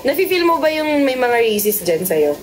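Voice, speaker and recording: A woman's voice: sits high, sing-song, moderate pace, slight background noise. A woman co-hosting a casual livestream, teasing and questioning her partner. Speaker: livestream co-host.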